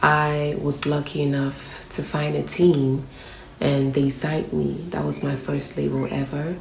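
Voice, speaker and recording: A young woman from Nigeria, a rapper, answering interview questions in a steady, reflective way that becomes emphatic on strong opinions. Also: low voice, measured pace, gravelly, slight background noise. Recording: roomy echo with faint background ambience.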